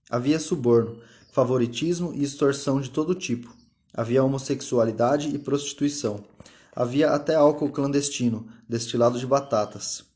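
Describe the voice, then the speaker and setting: A man reading a novel aloud in calm, measured scripted narration. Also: medium pitch. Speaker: audiobook narrator.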